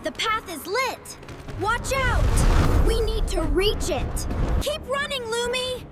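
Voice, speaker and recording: An eager little boy hero from a children's cartoon, calling out in a very high voice that swoops up and down. He speaks slowly and deliberately, punching each exclamation. Loud music plays underneath. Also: sing-song, heavily acted. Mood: urgent. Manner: urgent, exclaiming, bright. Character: brave young boy adventurer, eager. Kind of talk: animated kids' cartoon dialogue. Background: loud background music.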